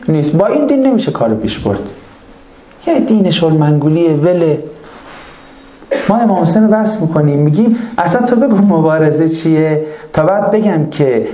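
A man's voice: a little high, warm tone. A man giving a sermon, dramatically acting out both sides of imagined exchanges with his listeners. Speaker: preacher. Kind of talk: religious sermon with acted dialogues. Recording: echoey room.

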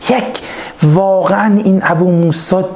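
Animated male preacher in an echoey room. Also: high-pitched. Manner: lively, acts out quoted voices, colloquial. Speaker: religious lecturer. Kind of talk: storytelling religious lecture. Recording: echoey room with faint ambient noise.

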